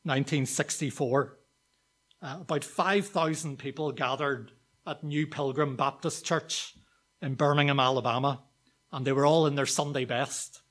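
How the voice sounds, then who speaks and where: A man preaching a sermon, telling a story to his congregation in an earnest way and slowing down on key words. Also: medium pitch, fairly even intonation, a bit bright. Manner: storytelling, slows down for emphasis; earnest, addresses the congregation directly. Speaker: pastor.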